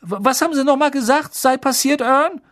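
This character voice is a dramatic, gossipy young male bus conductor who keeps asking for agreement as he tells his tale. The narrator pushes it high and forceful and moves at a brisk pace.

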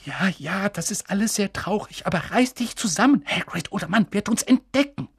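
A man voicing a stern older female professor in a sharp, scolding tone, raised well above his own pitch. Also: lively intonation, moderate pace, slightly rough, no echo, clean studio sound, heavily acted.

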